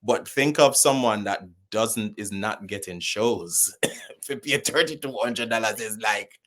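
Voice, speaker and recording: A Jamaican-accented man, an actor and theatre producer, chats casually about acting as a podcast guest. His fairly low voice moves at a measured pace, and his lively manner keeps drifting into Jamaican patois.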